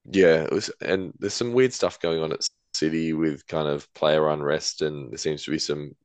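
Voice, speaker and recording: Very deep-voiced man in casual chat. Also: moderate pace, clear, resonant tone, no echo. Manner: relaxed, hedging with fillers. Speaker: podcast co-host.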